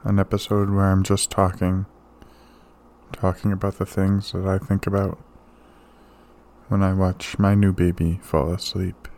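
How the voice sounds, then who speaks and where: A man speaks as the host of a sleep relaxation show, gentle and soothing. His voice is lowish and dark, and he moves very slowly through a calm monologue, leaving room between phrases. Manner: soothing, gentle, unhurried with pauses.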